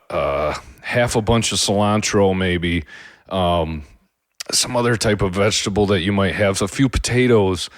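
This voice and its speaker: A man's voice: fairly low pitch, dry recording, studio quality. A man hosting a cooking podcast, talking casually on his own in a rambling way, with lots of fillers and restarts. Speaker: podcast host. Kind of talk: casual solo podcast talk.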